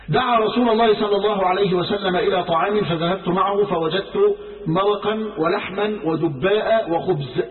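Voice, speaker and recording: A man with an Egyptian Arabic accent preaching a sermon, telling stories in a lively way and acting out the quoted speech. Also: sits high. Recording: roomy hall from far off, phone-like sound.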